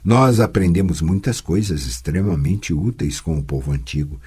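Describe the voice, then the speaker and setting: A man voicing a patient, teasing sorceress who tutors a girl, speaking calmly and gently chiding in an audiobook. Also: deep voice, moderate pace, breathy edge, voice pushed down, exaggerated voice. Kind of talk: audiobook character voice.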